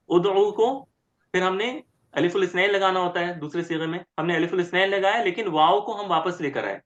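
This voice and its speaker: A man teaching Arabic grammar step by step in an online lecture, repeating word forms slowly and often checking with "ठीक है?". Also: high voice, fairly bright tone. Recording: roomy, dull lo-fi sound.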